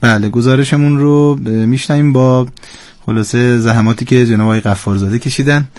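A man's voice: mid-range voice, steady tone, darkish tone, no echo. Patient man teaching recitation on radio, dry studio mic. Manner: patient, correcting pronunciation step by step. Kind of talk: radio call-in lesson.

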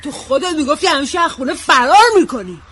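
A woman's voice: high-pitched, animated, slight background noise. Woman voicing a cocky cartoon boy. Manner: boastful, loud. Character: cocky boy, street playmate. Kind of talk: cartoon dub.

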